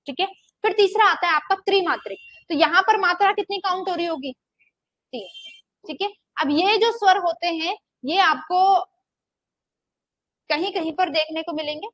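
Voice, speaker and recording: In a Hindi grammar classroom lecture, a young woman teacher speaks at a moderate pace with a very high-pitched, fairly bright voice and long pauses, recorded dry. She often questions the class and answers herself, repeats "ठीक है," and lengthens vowels to show their duration.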